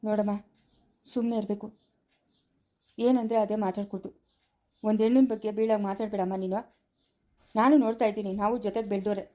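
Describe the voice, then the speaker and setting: A woman's voice: medium pitch, little pitch movement, fast, long pauses, dark tone, close to an everyday voice. A woman playing a kind, patient village man of forty-five who soothes and reasons with others in a family drama. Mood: reasoning. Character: kind 45-year-old village man, calm peacemaker.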